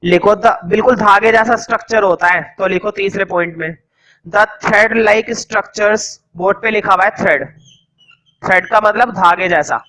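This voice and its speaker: Bright-voiced male teacher dictating notes. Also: high-pitched, rough recording. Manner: dictates notes slowly word by word, then explains in quick casual asides; quizzes students with rhetorical questions. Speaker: science teacher. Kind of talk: classroom lecture.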